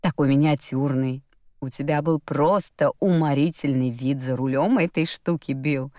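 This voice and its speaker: A woman's voice: low-pitched, steady tone, normal speed, mellow, dry recording, studio quality, natural voice. A woman voicing a chatty, gushing older woman. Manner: gushing, effusive.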